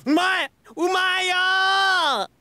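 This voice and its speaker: For an anime mobile game, a man voices a hyperactive, goofy, cheerful young man at an extremely high pitch, heavily acted with no echo. The manic, excited performance is exaggerated, full of shouting, drawn-out yells, and abrupt bursts.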